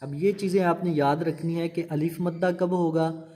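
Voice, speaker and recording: A man's voice: fairly high pitch, steady tone, mellow. Patient man teaching Quran syllables. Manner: patient, repeats rules and drawn-out syllables. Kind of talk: slow instructional recitation lesson.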